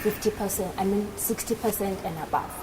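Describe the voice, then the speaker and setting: She speaks at a medium pitch and a slightly quick pace: a South African woman in her twenties from the Northern Cape, an aircraft maintenance engineer giving explanations as an interview guest. Background noise from the live event is clearly audible.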